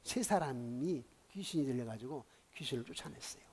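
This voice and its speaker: A male pastor preaching a sermon, telling a story with dramatic swings from hushed tones to loud outbursts. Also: mid-range voice, lively intonation, brisk, husky.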